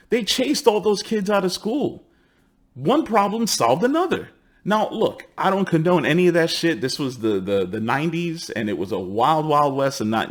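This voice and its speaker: Profane New York man ranting. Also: on the high side. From the Bronx, New York. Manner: heated, swearing, acts out quoted voices. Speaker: host.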